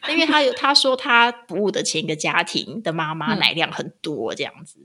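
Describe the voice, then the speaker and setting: A woman's voice: fairly low pitch, lively intonation, fairly quick, pushed and bright. A woman, casually chatting as a podcast co-host and acting out quotes with laughter. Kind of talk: casual chat.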